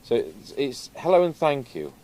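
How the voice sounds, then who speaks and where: A man's mid-range voice has a dark tone and a sing-song quality at a moderate pace. He is a video host and radio technician presenting radio gear in an unscripted, casual, rambling chat, and the background noise is plainly audible.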